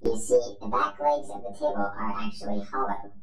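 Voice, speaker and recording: A man's voice: lowish voice, huge pitch swings, normal speed, creaky, heavily acted. A man voicing a cheerful male robot magician who presents tricks with upbeat showman patter. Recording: roomy echo with faint music.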